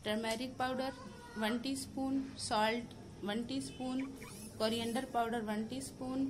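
A woman with a Pakistani Urdu accent, hosting a cooking channel, calmly talking through each step of a recipe in a voice-over. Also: a little high, measured pace, noisy background. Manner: steady step-by-step instructions mixed with English words.

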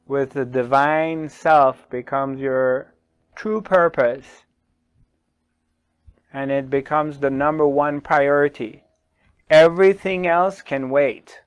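Middle-aged man, spiritual teaching, slow measured pace, long pauses, smooth voice, dry close lapel sound. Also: a little high, no room sound. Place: small dark studio, indoors. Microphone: lapel mic.

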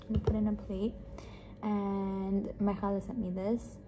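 A young woman, a medical student, chatting casually through her day as a vlogger, with relaxed fillers. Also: medium pitch, normal speed, a little hiss or hum. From Pakistan. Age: young adult. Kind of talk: casual vlog narration.

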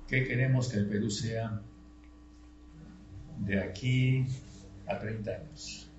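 Slow older man lecturing. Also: on the low side, fairly even intonation. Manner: slow, deliberate, with rhetorical questions and emphatic rises. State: tired. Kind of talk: classroom lecture. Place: classroom. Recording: roomy, dull sound with faint hum.

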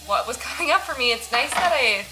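A young woman in her twenties with a slightly raspy voice, chatting casually to camera in her apartment kitchen, full of "like" and "um". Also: high voice, brisk, soft background music, poor audio. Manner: chatty, relaxed, lots of "like" and "um". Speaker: vlogger. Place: small apartment kitchen, indoors.

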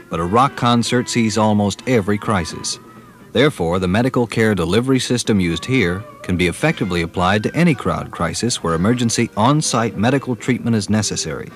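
A man reading formal, scripted documentary narration in a measured way. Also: on the low side.

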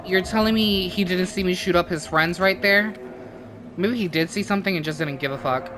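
A woman's voice: on the low side, fairly quick, noisy background. Swearing woman ranting over a game. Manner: frustrated, swears a lot, ranting. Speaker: gaming YouTuber. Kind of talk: casual let's-play commentary.

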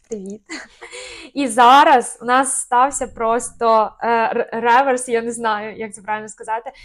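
A young woman co-hosting a casual chat, talking easily with lots of fillers and small hesitations. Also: a little high. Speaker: podcast co-host.

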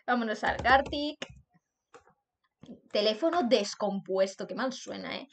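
A young Spanish woman with a high, bright-sounding voice chats live with her stream audience. She sounds bubbly, repeats herself, laughs often and slips into sing-song bursts. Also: lively intonation, slow pace, a little hiss or hum. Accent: Spanish, from Spain. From Spain. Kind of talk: live stream chat, reacting to fan art.

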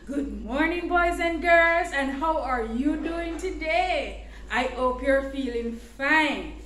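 A middle-aged woman teaching small children like a kids show host, in an animated sing-song manner full of questions and repetition. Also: high voice, slow pace. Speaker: preschool teacher. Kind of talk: children's class lesson with chanting and songs. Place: indoor classroom in front of a display board. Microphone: camera a few steps away. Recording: echoey room with background noise.

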